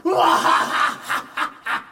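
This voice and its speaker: An actor playing a pompous, easily offended elder demon stuck in a fridge, booming theatrically, sounding distant from the mic. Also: male voice, drawn-out words, bright, forceful tone, shouting, heavily acted. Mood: gloating.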